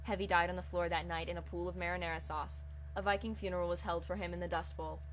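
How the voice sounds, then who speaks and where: Her delivery is flat and fast, her voice on the low side. She hosts a reading of comic fan fiction, chatting casually first and then reading it aloud dramatically. The low-quality recording has audible hum and hiss.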